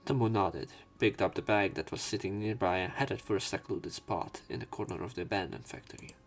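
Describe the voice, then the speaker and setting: Performing a visual novel as a let's player, this man gives a dramatic read-aloud and voices the dialogue with expression. His voice sits low and runs a little fast, with soft music in the background.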